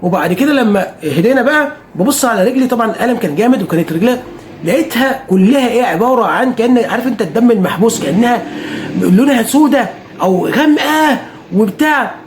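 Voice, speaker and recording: Rapid-fire Egyptian man ranting. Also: very high-pitched, animated, a little hiss or hum. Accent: Egyptian Arabic. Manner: rapid, repetitive, emphatic with oaths. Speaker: football fan streamer. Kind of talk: casual talk to camera.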